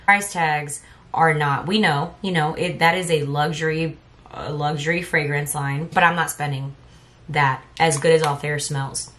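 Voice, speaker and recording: A woman's voice: low voice, fairly even intonation, unhurried, a bit bright. A woman chatting casually through a fragrance haul review, rambling and correcting herself as she goes. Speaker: fragrance vlogger. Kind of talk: casual product review chat.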